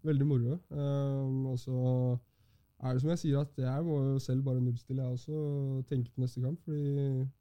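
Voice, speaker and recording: A man in his twenties, a football goalkeeper, answering interview questions in a calm, measured way with many fillers. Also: mid-range voice. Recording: dull lo-fi sound.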